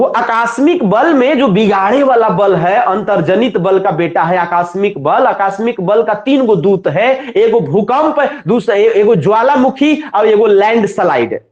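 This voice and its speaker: A man's voice: high voice, animated, measured pace. A man with a Bihari Hindi accent giving a classroom lecture, asking his students questions, answering them himself and repeating the key terms. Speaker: teacher. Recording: echoey, dull lo-fi room sound.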